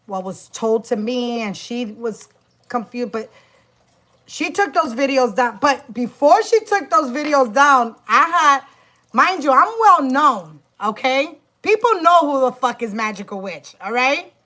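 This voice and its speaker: A middle-aged woman tells a story to her camera in a casual vlog, cursing freely and restarting her sentences as she builds her point. Her voice is bright and sits a little high. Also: animated, a little slow. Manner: emphatic, profane, many restarts. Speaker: spiritual practitioner and YouTuber.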